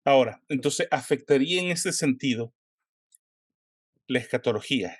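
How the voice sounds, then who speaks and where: A man hosting a conversation, asking questions and pausing to search for words. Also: mid-range voice, expressive, no room sound, clean studio sound. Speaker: host. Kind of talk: interview questions.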